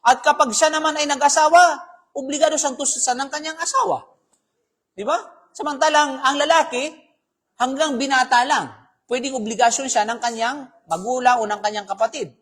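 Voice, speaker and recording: Speaking conversationally at normal speed, a preacher delivers a live Islamic talk in a very high-pitched, steady, fairly bright voice. He often checks in with "di ba?" and blends in English phrases.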